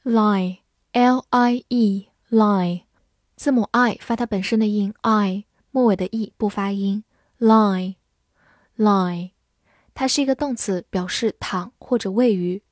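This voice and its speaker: A woman teaches English words in a scripted lesson. She spells each word letter by letter and reads the example sentences slowly and carefully. Her voice has a middle pitch and a dry sound. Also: no room sound.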